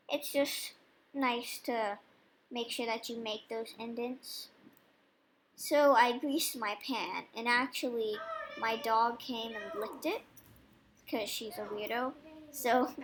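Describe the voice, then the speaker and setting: Taking it slowly and leaving long pauses, a young woman with a slightly high voice explains how she bakes dog treats. There's a faint hiss or hum on the recording. It's a relaxed, chatty vlog voice-over where she covers every step.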